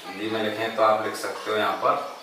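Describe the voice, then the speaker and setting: A man teaches a board lesson, chanting multiplication tables and asking questions that he answers himself. The room echoes heavily and the mic sits far away. Steady background noise runs under his voice. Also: fairly low pitch, brisk. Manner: asks the class questions and answers them himself; recites multiplication tables aloud. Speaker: math teacher.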